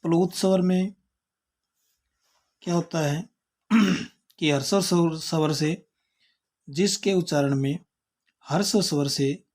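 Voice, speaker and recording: A man gives a slow, careful grammar lesson in a fairly high voice. He explains each point patiently, repeats himself and names letters one at a time. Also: a little mellow. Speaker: Sanskrit teacher.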